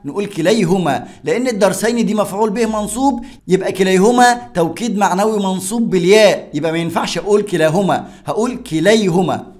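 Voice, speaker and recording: A man's voice: high-pitched, quick pace, hardly any pauses, darkish tone. A man speaking with an Egyptian accent, teaching a grammar lesson step by step and answering his own questions. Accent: Egyptian Arabic.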